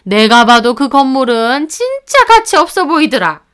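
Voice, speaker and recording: Woman voicing a high, scornful mother-in-law for a narrated story, scolding and sneering. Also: big pitch swings, normal speed, a bit bright, smooth. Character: scornful middle-aged mother-in-law, sharp-tongued.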